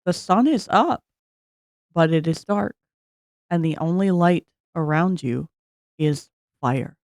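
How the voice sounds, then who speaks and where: Creaky-voiced game master narrating dramatically. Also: medium pitch, lively intonation, a little mellow, no room sound, clean studio sound. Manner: measured, dramatic scene-setting. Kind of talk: tabletop game narration and table chat.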